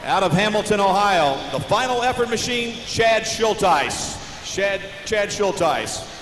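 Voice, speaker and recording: An American man working as a tractor pull announcer, introducing competitors live with showy, drawn-out names. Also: high-pitched, animated. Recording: noisy, echoing arena PA with long reverb.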